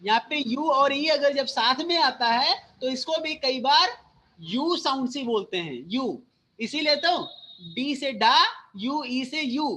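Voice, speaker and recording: A man's voice: very high voice, a little slow, pushed and bright. A male school teacher giving an online phonics lesson, mixing Hindi and English, patiently repeating and quizzing his students.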